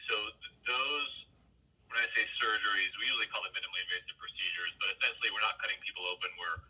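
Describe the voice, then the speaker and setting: A man's voice: deep voice, bright, forceful tone, breathy edge. A man, a physician, talks over speakerphone while driving, explaining his work patiently in plain terms with frequent restarts. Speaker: physician interviewee. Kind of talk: casual phone interview. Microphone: phone speakerphone. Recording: distant speakerphone call from a car.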